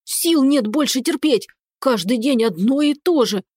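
Lady putting on a shrill dramatic tomcat uncle, squeals and begs, high and stretched out, storybook. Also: expressive, a little mellow, breathy edge, dry recording, studio quality, exaggerated voice. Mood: whining complaining. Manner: squealing, pleading, drawn-out wails. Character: hysterical talking male tomcat uncle, whiny, dramatic.

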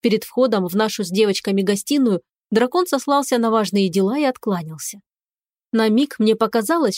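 A woman reading a fantasy novel in the first person with expressive, lively storytelling. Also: on the high side, no room sound, clean studio sound. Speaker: audiobook narrator. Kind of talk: scripted first-person narration.

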